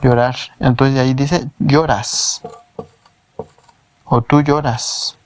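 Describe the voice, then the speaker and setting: A man's voice: medium pitch, fairly even intonation, slow, a little hiss or hum. A man with a Mexican Spanish accent gives a patient whiteboard language lesson, repeating words syllable by syllable. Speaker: language teacher. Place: home in a shared housing block.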